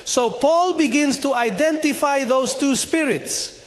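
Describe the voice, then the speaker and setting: A man's voice: extremely high pitch, unhurried. A man preaching a sermon at a church conference, emphatic and full of rhetorical questions.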